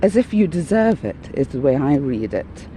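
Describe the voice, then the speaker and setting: A woman vlogs while walking her dogs outdoors, out of breath and rambling in a candid, wry monologue. Her low, mellow voice is very animated at normal speed, and the rough recording carries a little hiss or hum over faint outdoor ambience.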